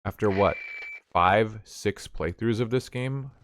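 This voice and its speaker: Guy streaming a game, deep voice, rambly and sweary, a faint hum behind. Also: slow, fairly bright tone. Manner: rambling, swears casually, thinks aloud. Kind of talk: casual gameplay commentary.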